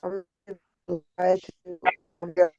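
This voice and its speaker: A woman's voice: on the low side, completely flat delivery, takes it slowly, warm tone, no echo. Woman on a choppy video call cutting out. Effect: choppy audio cutting out on a bad video call connection. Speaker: defendant in a remote court hearing. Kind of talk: apologetic, polite explanation to a judge. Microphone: video call from home device. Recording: muffled lo-fi video call audio.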